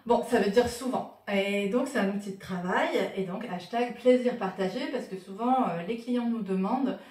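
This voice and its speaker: A woman's voice: mid-range voice, a little mellow. Woman rambling on about her shirts, dry jokes and lots of euh, kinda far from the mic, echoey room. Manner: wry, joking, many fillers. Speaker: vlogger showing her T-shirts. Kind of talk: casual talk to camera.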